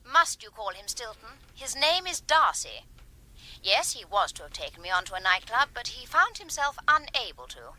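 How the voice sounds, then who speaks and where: A haughty young English lady in a radio comedy. Her bright, rather high upper-class voice moves through a wide range, precise and commanding, with high-minded literary airs. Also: very animated, moderate pace, heavily acted, low-quality recording. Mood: coaxing, imperious. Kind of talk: British comic radio drama acting.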